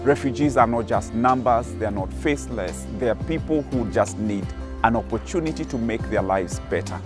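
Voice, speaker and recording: A man's voice: mid-range voice, normal speed. A man, the executive director of a charity, speaking earnestly and with emphasis in a documentary interview. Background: music.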